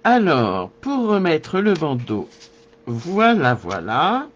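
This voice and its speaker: A man leads a live card-making tutorial, talking to his viewers and thinking aloud as he works. His voice sits high and swoops lively up and down, and he speaks very slowly. The recording is slightly dull and lo-fi. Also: slight background noise. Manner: slow, thinking aloud while working.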